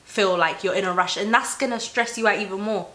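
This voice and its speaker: A young woman host gives advice in a loose, chatty and encouraging manner. Her voice is bright and sharp-edged at an average female pitch. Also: fairly quick. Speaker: talk show host. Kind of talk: casual advice chat.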